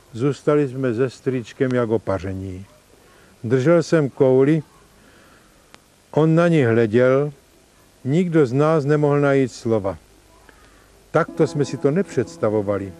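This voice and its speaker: A man's voice: medium pitch, warm tone. Wallachian-accented man reading a memoir. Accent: Moravian Wallachian dialect. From Moravian Wallachia, Czechia. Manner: measured storytelling, switching into folksy dialect for quoted speech. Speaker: writer narrating his own memoir.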